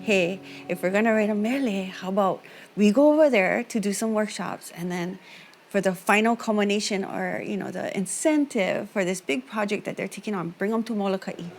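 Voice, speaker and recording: Speaking at normal speed and a medium pitch, a Hawaiian woman who leads music workshops looks back thoughtfully for a documentary. She sprinkles Hawaiian words through her English.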